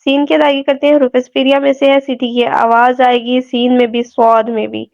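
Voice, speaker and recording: A woman teaching Quran recitation step by step, drawing out each letter sound in slow, patient demonstrations. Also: high-pitched, flat delivery, creaky, darkish tone, no room sound. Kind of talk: step-by-step tajweed lesson. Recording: dry, slightly dull lo-fi sound.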